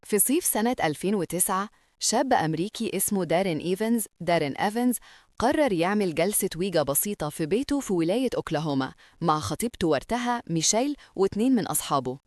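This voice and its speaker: A woman's voice: mid-range voice, expressive, quick pace, a little mellow, dry recording, studio quality. A woman with an Egyptian Arabic accent narrating a scripted horror story in a dramatic storytelling manner.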